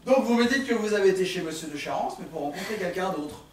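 Actor playing a sardonic stage inspector, high-ish voice, very echoey hall with audience. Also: male voice, animated, fast talker, recorded from a distance, a little hiss or hum. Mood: needling. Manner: needling, ironic questioning. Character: wry, probing male police inspector. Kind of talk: amateur stage comedy. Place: theatre stage.

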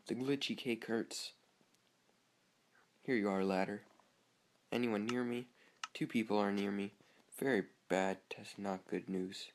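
Young guy rambling over his game, lowish gravelly voice, bit of hiss behind. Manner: chatty, easily startled, talks to himself. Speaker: gamer. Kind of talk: casual gameplay commentary.

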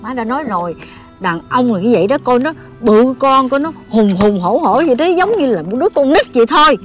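A woman's voice: fairly high pitch, expressive, fairly quick, soft background music, natural voice. A middle-aged actress with a Southern Vietnamese accent playing a fussy mother who scolds and lectures her daughter. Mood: lecturing. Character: fussy scolding mother giving folk advice. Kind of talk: comedy film acting.

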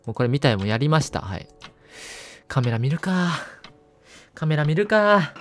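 A man's voice: fairly high pitch, big pitch swings, moderate pace, fairly bright tone. A man streaming a horror game, muttering to himself with startled outbursts.

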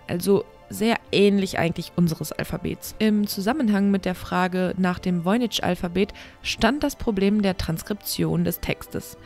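A woman's voice: medium pitch, darkish tone. A woman podcast host reads a researched script and breaks off into frank, self-deprecating asides to her listeners.

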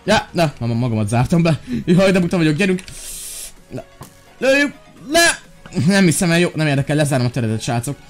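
A young man from Hungary playing Minecraft, joking around and shouting commands in playful role-play with lots of fillers. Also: fairly high pitch, animated, faint music behind. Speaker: gaming YouTuber.

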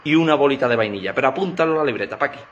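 A man's voice: medium pitch, lively intonation, rapid-fire, dull audio, slight background noise, lightly acted. A man voicing a fussy elderly husband in a joke, insisting on his order. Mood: insistent. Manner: insistent, repeating requests.

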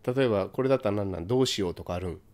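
A man's voice: lowish voice, racing, darkish tone. A man hosting a game let's play, teasing and bossing his co-host in casual chat on a close mic. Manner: teasing, bossy banter.

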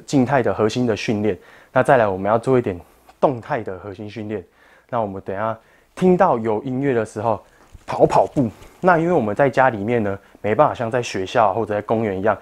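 A man's voice: medium pitch, a little mellow. A man with a Taiwanese Mandarin accent, teaching a parent-child exercise class and patiently explaining each move to parents.

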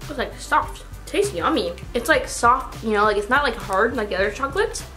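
A woman's voice: fairly high pitch, expressive, moderate pace, bright, forceful tone, soft background music. A young American woman vlogging a snack taste test, chatting casually while chewing with her mouth full. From United States. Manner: chatty, giggly, apologetic about pronunciation.

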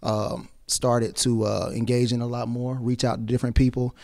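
A man's voice: medium pitch, little pitch movement, moderate pace, creaky, a little mellow, no echo. Laid-back young man, dry studio. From South Side of Atlanta area. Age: young adult. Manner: laid-back, loose, lots of "you know what I'm saying". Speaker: rapper and actor, interview guest. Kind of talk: casual interview. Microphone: handheld mic.

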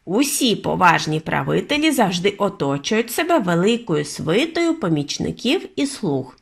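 A steady, knowing old grandmother, as a woman plays her in a children's audiobook, slower and a touch lower than the narration. She explains things unhurriedly while the voice still moves with lively inflection. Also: vocal fry, breathy edge, heavily acted. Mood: measured. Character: calm, determined elderly grandmother.

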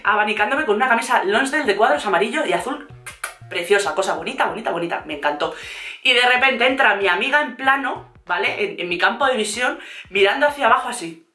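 Bright-voiced laughing Spanish woman vlogger. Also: on the high side, roomy sound. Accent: Spain Spanish. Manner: lively, laughing, acts out quotes. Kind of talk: storytime monologue.

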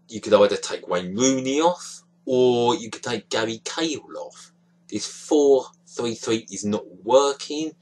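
Slow-talking young man venting on webcam. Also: mid-range voice, rough recording. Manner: frustrated, disappointed, gestures a lot with hands. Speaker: football fan giving match reaction. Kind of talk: casual webcam commentary. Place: small dim room indoors. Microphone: webcam at close range.

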